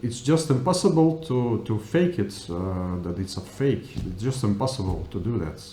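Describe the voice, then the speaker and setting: A man giving spontaneous interview answers in halting English, searching for words. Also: fairly low pitch, expressive, warm tone. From Russia. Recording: echoey room with faint noise.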